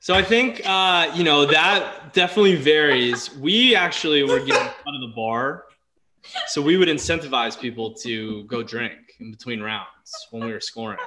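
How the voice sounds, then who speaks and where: A man on a podcast with a bright, forceful tone and a mid pitch. He drops dry, joking remarks into the chat. His delivery is casual. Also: moderate pace, slight background noise.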